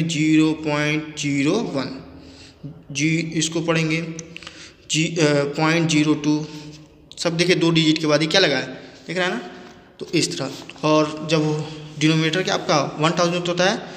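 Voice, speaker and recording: A man's voice: on the high side, a bit bright. A man teaching a maths lesson in speech, asking questions and answering them himself as he repeats each step. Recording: echoey room with long reverb.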